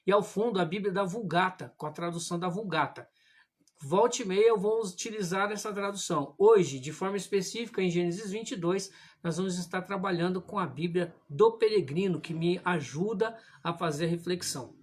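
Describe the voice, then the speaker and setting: A man preaching a livestreamed sermon indoors, reading scripture aloud in a measured way and calling his listeners brothers. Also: sits high, husky. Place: indoor room at home, religious images behind him. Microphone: livestream camera.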